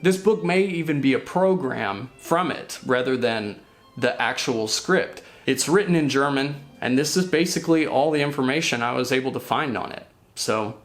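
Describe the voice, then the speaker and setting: Earnest man narrating skate history. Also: mid-range voice. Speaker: host. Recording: faint music behind.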